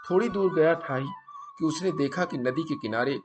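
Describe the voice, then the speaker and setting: A man's voice: on the high side, moderate pace, over music. A man hosting his own channel, narrating a motivational story in an earnest, explanatory way.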